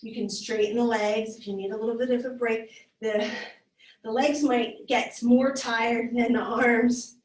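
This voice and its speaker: A woman's voice: a little high, fairly even intonation, measured pace. A woman yoga instructor leading a live class with hand weights, cueing each move in an encouraging, slightly winded voice. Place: yoga studio. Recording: echoey room, voice from far off.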